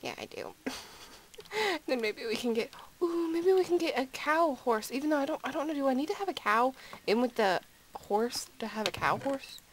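A woman's voice: a little high, expressive, fairly quick, poor audio. Woman, sleepy late-night game commentary, rambling and giggly, faint hiss behind. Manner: rambling, giggly, self-deprecating. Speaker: gaming video creator. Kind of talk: casual gameplay commentary.

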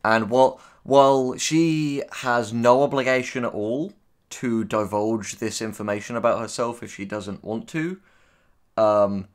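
Unhurried and fairly even in intonation, this medium-pitched male voice belongs to a writer co-hosting a casual reaction commentary. He reads tips aloud and responds in a blunt, opinionated way.

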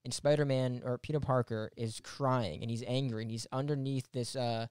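A man on a movie podcast, recounting a film scene in a halting, casual way and keeping time for the group. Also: mid-range voice, steady tone, darkish tone, clear, resonant tone, no echo, clean studio sound. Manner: halting storytelling with restarts. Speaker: podcast panelist and timekeeper.

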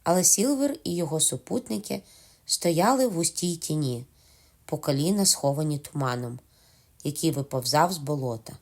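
Woman, audiobook narrator, low voice, calm measured reading. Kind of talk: scripted narration of a novel.

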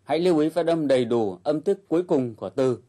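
A man hosting a language lesson, calmly explaining and prompting learners to repeat. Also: on the high side, quick pace. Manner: calm explanatory guiding tone. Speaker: English teacher host. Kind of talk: instructional narration.

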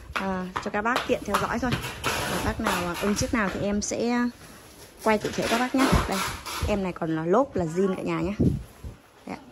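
A woman giving a casual, polite sales walkthrough as a seller, listing items and prices to customers while filming on a handheld phone. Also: mid-range voice. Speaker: bicycle seller. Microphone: phone held while filming. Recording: noisy handheld phone recording.

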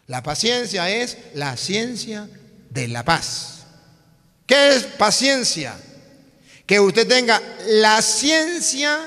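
A male priest with a high, bright voice preaches to young people at an unhurried pace. He is emphatic and repeats himself, speaking straight to the crowd. His voice rings with the long reverb of a large hall. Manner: emphatic and repetitive, addresses the crowd directly. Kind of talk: lively sermon.

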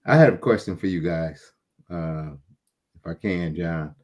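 A man on a basketball podcast video call, posing questions to the others and trailing off quietly. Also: deep voice, a little slow. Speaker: podcast panelist. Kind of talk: casual sports talk. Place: home room on a video call.

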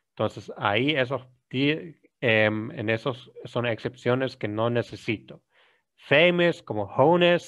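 A man with an Ecuadorian Spanish accent teaching an English grammar lesson, explaining in Spanish, reading examples slowly and often checking "¿sí?". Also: mid-range voice, fairly bright tone. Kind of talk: recorded classroom lesson. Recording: dull lo-fi recording.

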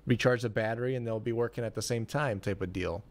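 A man's voice: medium pitch, quick pace. A man hosting a casual podcast chat, rambling with lots of fillers and restarts. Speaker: podcast host.

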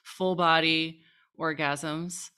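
A woman's voice: sits low, level tone, extremely slow, pushed and bright, clean tone. A woman hosting a podcast, asking questions in an upbeat, encouraging way. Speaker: podcast host. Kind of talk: podcast interview.

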